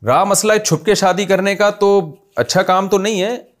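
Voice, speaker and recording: A man's voice: sits high, normal speed. A man with a Pakistani Urdu accent answering listeners' religious questions in a conversational way, explaining with examples. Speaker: Islamic scholar answering questions.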